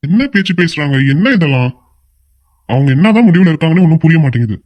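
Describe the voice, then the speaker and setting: A man voicing a worried older uncle in a cartoon, talking fast and pleading. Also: on the high side, expressive, a little mellow, no echo, close to an everyday voice. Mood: upset. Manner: fretful, pleading, quick talk. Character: worried older uncle, anxious family elder. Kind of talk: cartoon voice acting.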